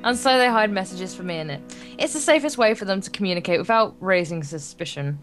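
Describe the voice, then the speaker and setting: A woman reads visual novel lines aloud quickly for a Let's Play, her medium-pitched voice full of lively intonation. She adds informal, jokey banter and trips over words occasionally. Music can be heard faintly behind her.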